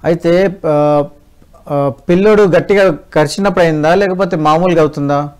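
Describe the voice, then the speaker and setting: A man, a doctor on a call-in health show, talks callers through remedies in a patient, step-by-step way. His voice sits a bit high for a man. He addresses the callers kindly as mother. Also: normal speed, darkish tone. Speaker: doctor giving advice to callers. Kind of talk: phone-in health advice.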